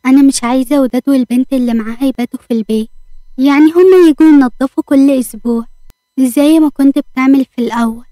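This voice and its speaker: A woman's voice: sits high, mellow, no echo, lightly acted. A woman with an Egyptian accent voicing a playful young wife who scolds easily, in a read-aloud romance story. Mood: pleading. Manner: indignant, scolding.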